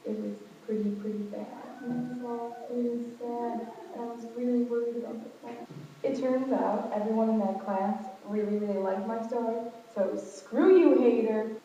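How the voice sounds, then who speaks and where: A young woman talks in a casual, rambling student vlog, acting out bits of conversation as she goes. Her mellow voice rings with a big hall echo and sits away from the microphone. The sound is a little dull, with a faint hum. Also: fairly high pitch, recorded from a distance. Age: young adult. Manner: rambling, animated retelling with quoted dialogue. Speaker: college student vlogger. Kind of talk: casual chatty video diary. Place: echoey indoor space in a college dorm, with passers-by.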